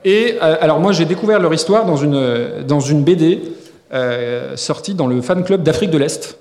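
A man's voice: fairly high pitch, animated, normal speed, a little mellow. A man co-hosting a live podcast on stage, joking and rambling with lots of fillers and restarts. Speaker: podcast co-host. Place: live festival stage before an audience. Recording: echoey hall with long reverb.

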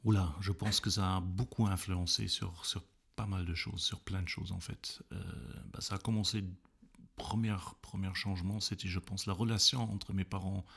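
Male guest, husky and gravelly, halting and thoughtful delivery. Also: sits low, fairly even intonation, a bit bright. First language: German. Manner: hesitant, many fillers and restarts while recounting. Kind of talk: interview conversation.

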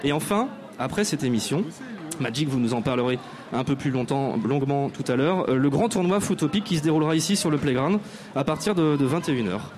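With lively intonation and a darkish, medium-pitched voice, this host speaks fairly quickly at a live radio show on an outdoor arts-venue stage with an audience. He presents guests in a formal, playfully grand style, marked by frequent hesitations.

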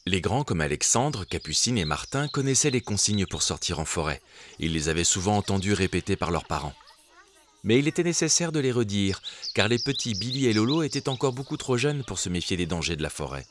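A man narrating a children's storybook in a gentle, expressive way. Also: lowish voice, a little fast, slight background noise.

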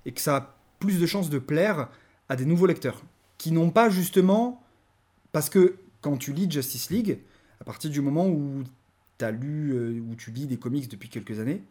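A man's voice: a little high, a little mellow. A man co-hosting a podcast, ranting animatedly in casual chat with frequent stammering restarts. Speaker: podcast co-host reviewing comics.

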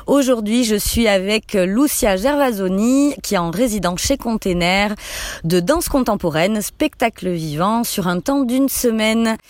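A woman hosting a local radio interview, presenting lively and friendly. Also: medium pitch, measured pace, dry recording. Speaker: radio host.

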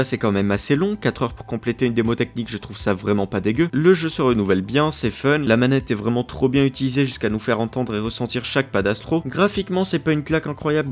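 A man narrating a scripted video game review in a conversational, opinionated way, dropping in casual fillers. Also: medium pitch.

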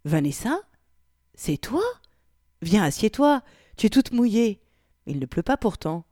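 A woman's voice: mid-range voice, sing-song, a little slow, mellow, no echo, studio quality. Woman reading as a brash, teasing young woman. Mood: chatty. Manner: brash, prying questions.

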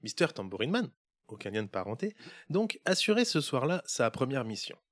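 A man's voice: medium pitch, sing-song, brisk, no echo, clean studio sound. A man hosting a podcast who narrates a Christmas storybook tale in a playful way, with running gags. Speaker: podcast host.

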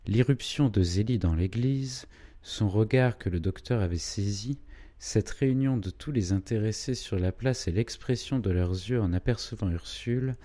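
Guy reading an old novel, low mellow voice, steady and calm. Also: moderate pace. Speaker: audiobook narrator. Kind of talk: scripted narration of a classic novel.

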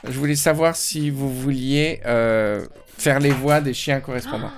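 A woman's voice: very deep voice, steady tone, measured pace. A woman hosting a casual podcast chat, teasing and joking with her guests. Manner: teasing, joking, puts on silly voices. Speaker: host. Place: studio.

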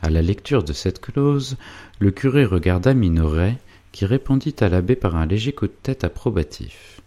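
Deep-voiced man reading a classic novel. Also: lively intonation, dark tone. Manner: measured literary narration. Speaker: narrator.

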